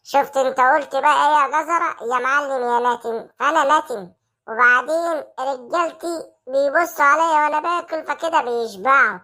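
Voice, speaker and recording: A woman plays a greedy, grubby male gang boss in a cartoon comedy. He has an Egyptian accent and a high, bright, piercing voice. He talks fast and waves others away between mouthfuls. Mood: smug. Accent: Egyptian Arabic. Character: stingy, filthy male gang boss who eats greedily. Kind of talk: comic cartoon voice acting.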